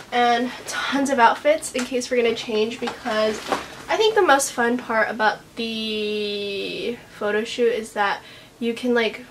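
A woman's voice: on the high side, noisy background. A teenage girl chatting casually to a handheld camera, full of "like" fillers and a little self-conscious. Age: teens. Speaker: vlogger. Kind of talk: casual vlog chat. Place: bedroom, then car and outdoors. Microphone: handheld camera at arm's length.

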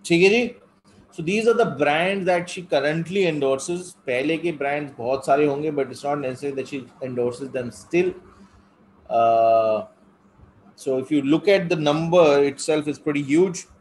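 A man's voice: fairly high pitch, brisk, a little mellow, a little hiss or hum, low-quality recording. A middle-aged man with a North Indian accent, teaching a live online class conversationally and switching between English and Hindi. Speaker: test-prep teacher.

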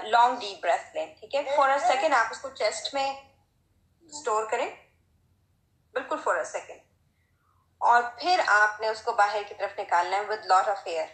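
A woman giving a recitation lesson, talking slowly and patiently and demonstrating sounds with a strong, breathy h. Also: a little high, fairly bright tone, roomy sound, rough recording. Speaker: Quran recitation teacher. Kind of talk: Tajweed lesson.

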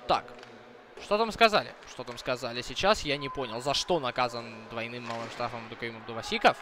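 A man's voice: medium pitch, a little fast, noisy background. A man commentating a hockey broadcast live, talking conversationally to viewers and thinking aloud.

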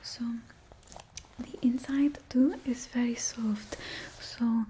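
Whispering blunt, condescending lines in a put-on Russian accent, a young woman plays a bossy female stylist to supervillains in an ASMR roleplay recorded on a close mic. Her voice is on the high side, warm, slow and steady in tone, with slight background noise. She's in an indoor studio with a painted backdrop.

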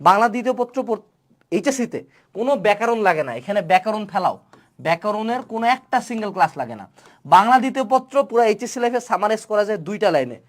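A man with a Bangladeshi Bengali accent giving quick, joking study advice for exams, mixing English words into his talk. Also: sits high, lively intonation. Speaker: teacher. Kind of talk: exam study advice lesson.

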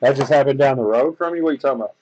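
A man's voice: medium pitch, racing, a little mellow, dull audio, a little hiss or hum. A man hosting a sports card break, reading out team assignments and chatting loosely with viewers, swearing freely. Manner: loose, profane, rambling talk to viewers.

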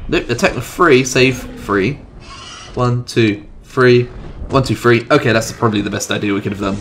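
A man giving chatty let's-play commentary, excitedly thinking aloud about his moves. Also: medium pitch, moderate pace, slight background noise. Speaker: gamer. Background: game music.

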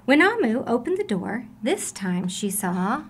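A woman reading a children's story aloud in an expressive, deliberate storytelling manner. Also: a little high, slightly rough. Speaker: storybook reader.

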